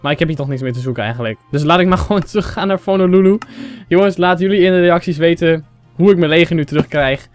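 A young man from the Netherlands with a sore throat, giving excitable casual commentary over a game and talking straight to his viewers. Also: on the high side, quick pace, faint music behind. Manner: excitable, mixes English phrases, talks to viewers as 'jongens'. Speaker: gaming YouTuber. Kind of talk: casual Let's Play commentary.

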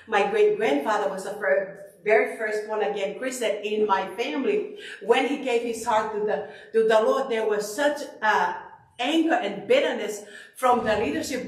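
A middle-aged woman from Tonga preaching a sermon into a handheld mic in a church sanctuary, animated and emphatic, often repeating herself. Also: fairly high pitch. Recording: echoey hall, far from the camera.

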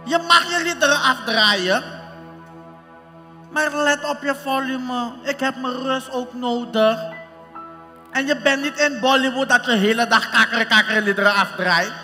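Man doing a bossy mother-in-law, Surinamese Dutch accent, high bright voice, slow scolding, long hall reverb, music behind. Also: exaggerated voice. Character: strict older mother-in-law, bossy and scornful. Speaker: stage actor. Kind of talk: live stage comedy. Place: large concert hall stage.

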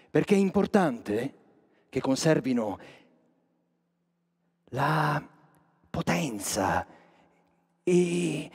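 An actor playing a sly, cynical chapel master, speaking a theatrical monologue straight to the audience in a sardonic, declamatory manner. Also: male voice, fairly high pitch, darkish tone, slightly rough, exaggerated voice. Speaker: stage actor. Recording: long reverb of a stage hall.

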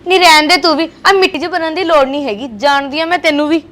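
A woman's voice: high-pitched, fast talker, a bit bright. An actress playing a jealous young wife who taunts her husband's sister with sarcasm. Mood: bitter. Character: jealous, sharp-tongued sister-in-law, a young village wife.

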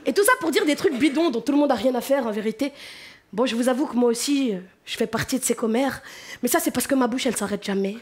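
A woman from the Paris suburbs with a suburban Paris accent, doing a stand-up comedy set on stage and talking directly to the audience in an animated, chatty way. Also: a little high, fast talker, slight background noise. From France.

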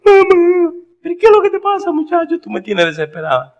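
A woman's voice: extremely high pitch, huge pitch swings, brisk, darkish tone, lo-fi sound, voice pushed up, heavily acted. A man voicing a worried mother who shrilly questions her grown son. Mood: frantic.

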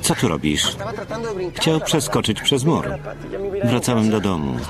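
A man's voice: fairly low pitch, very animated, a little slow. A man reading the voice-over for every role of a telenovela, steadily. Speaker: voice-over reader. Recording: loud music behind.

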